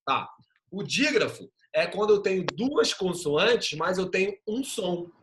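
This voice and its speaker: A man's voice: high voice, big pitch swings, fairly bright tone, a little hiss or hum. A male teacher giving an online class over a video call, patiently sounding out letters and syllables. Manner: patient, drawn-out spelling of sounds.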